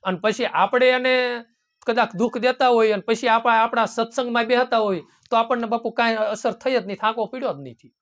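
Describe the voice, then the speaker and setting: A man's voice: very high-pitched, fairly even intonation, fairly quick, fairly bright tone. A man preaching a devotional sermon in a folksy way, often calling his listeners "bapu" and quoting hymn verses. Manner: folksy, keeps addressing listeners as "bapu" and "ram". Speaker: satsang preacher.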